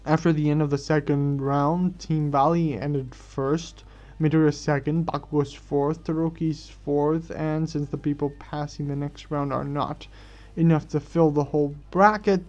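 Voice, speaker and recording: A man's voice: a little high, darkish tone. Man reading a fan story, many restarts. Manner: stumbling restarts and self-corrections. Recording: dull lo-fi recording.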